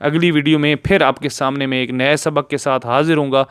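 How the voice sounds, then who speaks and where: Smooth-voiced man teaching prayer recitation. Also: on the high side, fairly even intonation, fairly bright tone, no room sound, clean studio sound. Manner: patient, explanatory, slows down to draw out Arabic words. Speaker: religious teacher. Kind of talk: video lesson on prayer recitation.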